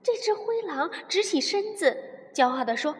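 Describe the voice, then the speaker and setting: A woman hosting a bedtime story show and reading a children's story aloud, warm and expressive. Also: very high-pitched, normal speed. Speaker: storyteller host. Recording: long reverb.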